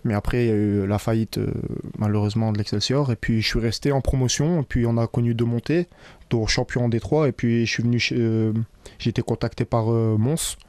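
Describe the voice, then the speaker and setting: A man's voice: medium pitch, fairly quick, no room sound. Young man from France talking after a match. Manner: relaxed, many filler sounds, loose phrasing. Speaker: football player. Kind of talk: post-match interview. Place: locker room, indoors. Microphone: interviewer's handheld mic.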